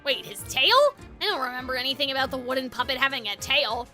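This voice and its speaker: Girl streaming a story game, super high bright voice, casual comments, music behind her. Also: steady tone, fast talker. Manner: theatrical reading, swaps between character voices. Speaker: streamer reading a game's story aloud.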